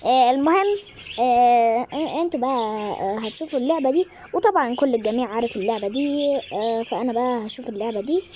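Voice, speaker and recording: An Egyptian woman in her thirties giving chatty, excited commentary on a mobile game at home, now and then hushing her children. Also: a little high, fast talker, slight background noise. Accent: Egyptian Arabic. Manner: excited, chatty, scolding kids aside. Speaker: gaming YouTuber. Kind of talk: casual gameplay commentary.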